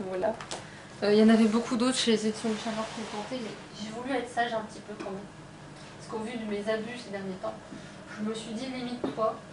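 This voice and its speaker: A woman's voice: on the high side, a little hiss or hum. A young woman casually showing her new books in a vlog, chatty and apologetic, with lots of fillers. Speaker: book vlogger. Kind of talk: casual book haul vlog. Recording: roomy home room with faint ambience.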